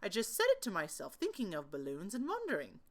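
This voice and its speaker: A woman voices an earnest, simple-minded male bear who loves honey in a children's storybook, pondering aloud in an emphatic, sing-song way. Her mid-range voice is growly, swings hugely in pitch, and moves fairly quickly.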